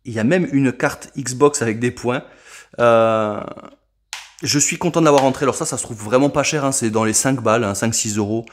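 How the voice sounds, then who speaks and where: A man's voice: medium pitch, moderate pace, a little hiss or hum. A man casually chatting at home, showing off games he collected, with lots of fillers and asides. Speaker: game collector showing purchases.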